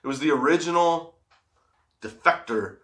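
A man's voice: a little high, moderate pace, a bit bright. A man hosting a casual, comedic solo podcast, stoned and rambling, giggly, drawing out the odd word. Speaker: podcast host.

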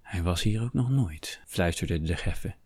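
A man voicing a cowardly mine foreman in an audiobook, speaking in a hissing, nervous hush. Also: low-pitched, moderate pace, no room sound. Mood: hushed fearful.

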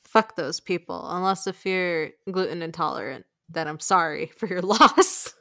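A woman's voice: fairly low pitch, moderate pace, fairly bright tone, no echo, studio quality. Giggly young woman podcast co-host. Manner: giggly, rambling with many "like" fillers. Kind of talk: casual podcast chat.

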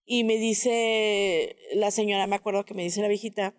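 A woman sharing a personal testimony in casual storytelling, speaking hesitantly with many filler pauses. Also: medium pitch, fairly even intonation, smooth, in a large hall.

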